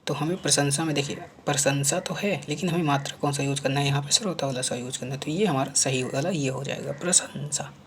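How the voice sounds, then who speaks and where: A man's voice: fairly high pitch, fairly quick, hardly any pauses, fairly bright tone, a little hiss or hum. Man teaching spelling, repeating each word. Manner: repeats each word several times, asks and answers himself; drops to murmurs while writing on screen. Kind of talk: exam-prep spelling lesson.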